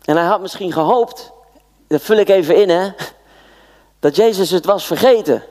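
Man, preacher, from the Netherlands, lively storyteller, acts out dialogue, sermon. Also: sits high, moderate pace. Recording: long hall reverb.

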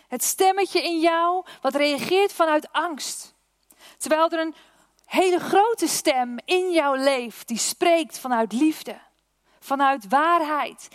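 A woman with a high voice delivers a sermon at a slow, deliberate pace. She leans on key words and sometimes drops into a hushed, anxious tone to act out doubts. The recording is dry, with no room echo. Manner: acts out an anxious inner voice in a hushed tone. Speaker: preacher; church prayer and worship team member.

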